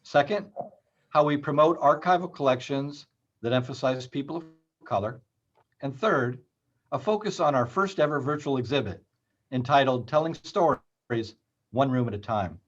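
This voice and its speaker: A man, a university library dean, reading a scripted conference presentation in a measured way. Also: medium pitch. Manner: measured, read-aloud delivery. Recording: slightly muffled lo-fi recording.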